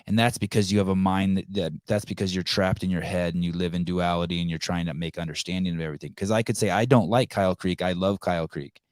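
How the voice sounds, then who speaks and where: With a low-pitched, a little mellow voice and fairly even intonation, a man talks fast with few pauses while hosting a casual podcast at home in California. A native Armenian speaker, he rambles, restarts frequently, and uses blunt profanity; the audio is dry and clean, studio-grade.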